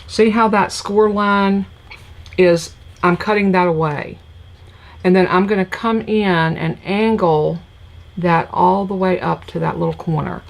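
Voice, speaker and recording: A woman with a lowish, slightly slow voice full of vocal fry sounds scratchy and congested. She chats her way through a live crafting tutorial, demonstrating a papercraft project step by step as she works.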